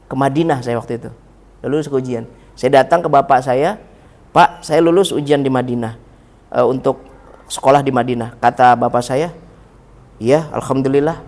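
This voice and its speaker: A man's voice: fairly high pitch, a little mellow. A man teaching a religious study class in a mosque, with a humorous, anecdotal manner, turning often to the listeners as Pak and Bu. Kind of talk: mosque study-circle lecture.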